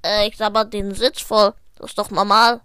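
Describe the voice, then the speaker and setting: A woman's voice: medium pitch, little pitch movement, normal speed, a bit bright, smooth, dry recording, clean studio sound, natural voice. A woman voicing a dopey, easygoing young boy in a hobby audio drama, lazy and mumbling.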